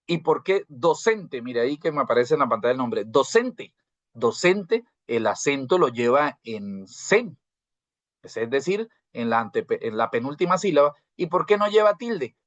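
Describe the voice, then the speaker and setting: A man's voice: medium pitch, very animated, normal speed, no echo. A man giving a live online grammar lecture as a university teacher. He asks rhetorical questions, checks in with "¿cierto?", and often repeats and restarts words as he explains. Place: video call class. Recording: dry, slightly dull video call audio.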